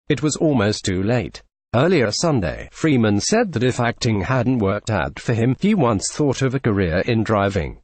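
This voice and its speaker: A man narrating a scripted entertainment news report in a steady, even read. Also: mid-range voice, no room sound.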